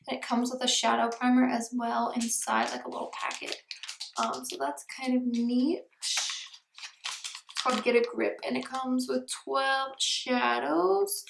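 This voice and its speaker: A woman chatting casually as a beauty vlogger unboxing products. She often drops to a soft near-whisper, and her voice echoes because she is recording in a room without a proper mic. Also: high-pitched, gravelly, background noise.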